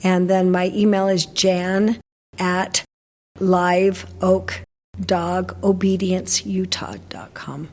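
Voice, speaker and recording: A woman's voice: on the low side, steady tone, takes it slowly, a little mellow, long reverb tail. An older woman, a dog trainer, chatting in an interview and telling stories with lots of fillers and restarts. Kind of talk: casual interview chat.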